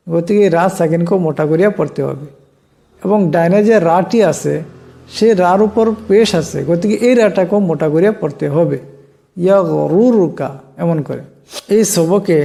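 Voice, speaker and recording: A man teaching Quran reading in Bengali, explaining slowly and deliberately, stretching out each example word. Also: fairly high pitch, gravelly, warm tone. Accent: Bangladeshi Bengali. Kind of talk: Quran recitation lesson.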